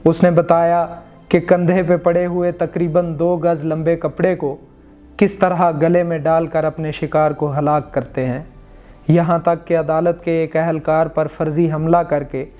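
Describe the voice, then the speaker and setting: A man narrating a historical story in measured, formal literary Urdu. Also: on the high side, mellow. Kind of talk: scripted narration of a true crime history.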